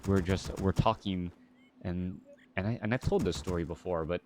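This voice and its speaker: A man in his thirties calls a live strategy game, his voice sitting a little on the low side. He rambles off topic easily, restarting sentences and piling on fillers as he chats with his viewers. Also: normal speed, a little mellow, slight background noise. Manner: rambling, chatty, many restarts and filler words. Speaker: game caster. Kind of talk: live game commentary with casual chat.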